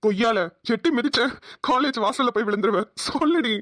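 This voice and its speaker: A woman's voice: on the high side, expressive, brisk, fairly bright tone, a little hiss or hum. A woman voicing a protective young husband in a cartoon, teasing his wife with affectionate ribbing. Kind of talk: cartoon voice acting.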